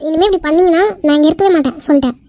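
A piercingly high, fast-talking cartoon wife, voiced by a woman, hurt and indignant, snaps back with rapid retorts. The recording is close and dry, with no room around it. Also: darkish tone, dry recording, close to an everyday voice. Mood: angry. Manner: scolding, indignant, quick retorts. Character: young wife, hurt and angry, sharp-tongued. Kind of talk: cartoon skit voice acting.

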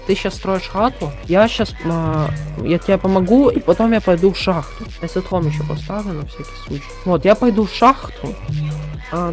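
A man chatting through live gameplay as a streamer, excitable, stammering and easily riled. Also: sits high. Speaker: game streamer.

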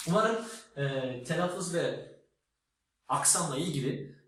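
Male teacher, emphatic lesson delivery with spoken word demos; slightly high voice, heavy room echo. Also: expressive, measured pace, fairly bright tone. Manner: emphatic, teacherly, demonstrates words aloud. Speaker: English teacher. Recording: very echoey room with faint noise.

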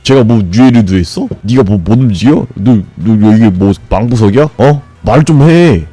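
A man streaming a game, grumbling and swearing at it, then breaking into sudden high shouts. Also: animated, moderate pace, no echo, faint music behind. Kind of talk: frustrated live gameplay commentary.

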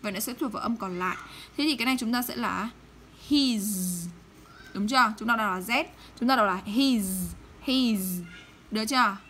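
A woman teaching English pronunciation in Vietnamese, modeling English words slowly and checking often with her students. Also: fairly high pitch, pushed and bright, slight background noise. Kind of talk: pronunciation lesson.

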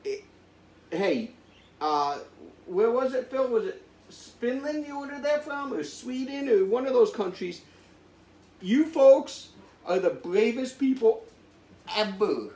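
A man's voice: very high-pitched, animated, takes it slowly, pauses often, darkish tone. A middle-aged man casually hosting to camera, exclaiming in disgust at a bad smell. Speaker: host of a family food challenge show. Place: living room at home. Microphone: camera a few feet away. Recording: roomy, distant mic with faint noise.

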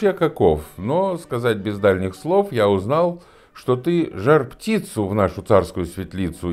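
A man in his sixties voicing an angry old tsar who shouts, bullies and threatens. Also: medium pitch, lightly acted. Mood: mocking. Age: 60s. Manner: shouting, bullying.

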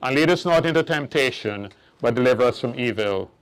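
Clear, solemn man praying at a graveside. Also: medium pitch, animated. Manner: solemn, measured. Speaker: priest leading a burial. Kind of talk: formal liturgical prayer recitation at a graveside. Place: outdoors at a graveside.

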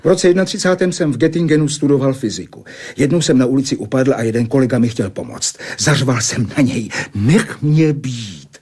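A man's voice: mid-range voice, animated, a little mellow, breathy edge. An actor in a radio play voicing an older male physicist who pleads with a woman and lectures at length, sometimes sinking to a whisper. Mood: reminiscing. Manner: pleading then philosophizing, drops to whispers. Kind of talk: Czech radio play acting.

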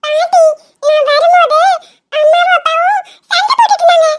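Cartoon little girl, very high and tearful, insistent, voiced by a woman. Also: normal speed, no room sound, clean studio sound. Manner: high, earnest child's pleading.

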